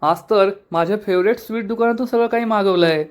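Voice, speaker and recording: A man's voice: high voice, fast talker, smooth, voice pushed up, close to an everyday voice. A man voicing an earnest young husband refusing food at the office. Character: young husband, businessman, gentle.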